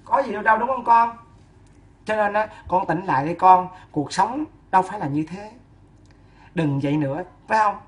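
A woman's voice: mid-range voice, normal speed. A woman scolding someone in a fierce, insulting, sing-song rant. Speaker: woman ranting at a neighbor. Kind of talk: ranting scolding monologue.

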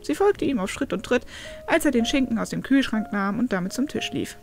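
A woman narrating fan fiction aloud at an even storytelling pace. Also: on the high side, fairly quick, vocal fry, soft background music.

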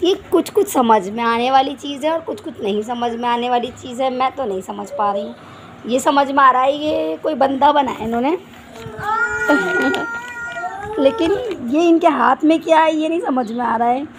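A woman's voice: high voice, animated, normal speed, background noise. A young mother in a casual family vlog, talking to viewers while scolding and cooing at her small children. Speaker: vlogger mother.

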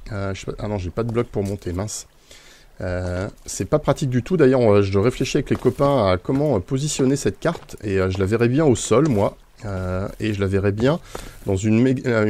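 A man's voice: on the low side, a little mellow, no room sound. A man casually commenting while playing a video game, rambling with many fillers and small chuckles. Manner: rambling, frequent "euh" fillers, chuckling asides. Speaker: Minecraft streamer.

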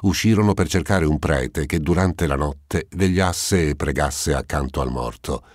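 A man narrating a classic novel as an audiobook, in a measured, solemn way. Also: very deep voice, no room sound, studio quality. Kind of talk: scripted literary narration.

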